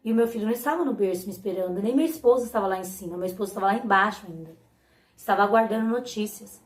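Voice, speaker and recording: A woman's voice: mid-range voice, racing. Earnest Brazilian woman in echoey room. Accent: Brazilian Portuguese. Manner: earnest, often turns to the audience. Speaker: mother giving a faith testimony. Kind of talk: personal storytelling to viewers.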